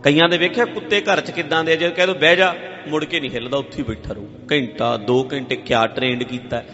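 A man's voice: medium pitch, fairly even intonation, fast, fairly bright tone. A man preaching a sermon in a conversational style, repeating phrases and acting out the worried voices of ordinary people. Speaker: Sikh preacher. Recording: dull, hall-like reverb.

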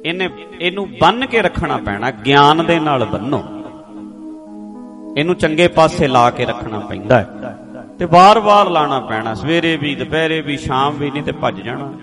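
A man giving a slow, explanatory religious sermon, now and then chanting rhythmically. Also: on the high side, animated. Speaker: Sikh preacher. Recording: music clearly behind the voice. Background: instrumental music.

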